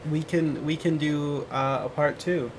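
A man hosts his podcast in a loose, casual chat, his voice sitting a little high. He talks emotionally and haltingly, circling back over his words. A steady hum of background noise runs under the recording. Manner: emotional, halting with many restarts. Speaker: podcast host.

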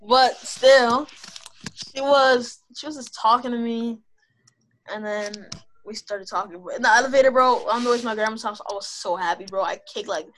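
A woman's voice: on the high side, normal speed, a bit bright, poor audio. A young woman telling stories in casual chat, with slangy speech peppered with "bro". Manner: slangy, often saying "bro".

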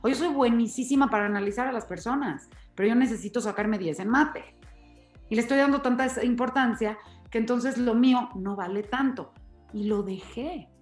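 A woman's voice: on the high side, moderate pace, roomy sound, faint music behind. A woman host, explaining things earnestly and with emphasis in a conversational interview.

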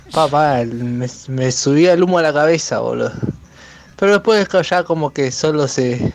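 A man, sending a radio show a casual voice message with an unhurried, halting anecdote. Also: a little high, a little mellow, a little hiss or hum.

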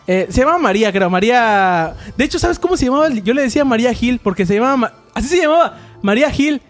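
Young mexican guy rambling thru a school story, slangy, talks real fast. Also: extremely high pitch, lively intonation, soft background music. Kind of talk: casual chat.

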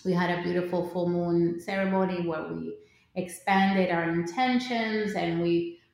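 A woman's voice: lowish voice, fairly even intonation, unhurried, gravelly, a little mellow, heavy reverb. A woman hosting a podcast, introducing it in a conversational way. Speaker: podcast host.

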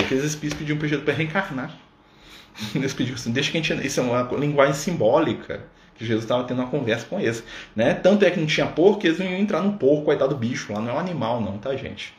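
A man leading an informal religious study on a livestream. He talks conversationally and keeps checking in with his listeners. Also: medium pitch. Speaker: spiritist study leader. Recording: echoey room with faint background noise.

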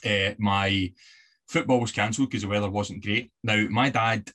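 A man's voice: lowish voice, fairly even intonation, moderate pace, a bit bright. A Scottish man from the west of Scotland, a podcast guest chatting casually and telling stories with easy fillers. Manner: chatty storyteller with fillers and laughs. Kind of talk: casual interview chat.

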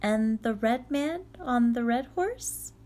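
A woman doing a high, timid young girl. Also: expressive, slow pace, mellow. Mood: polite. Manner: timid, pleading. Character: frightened, polite young girl.

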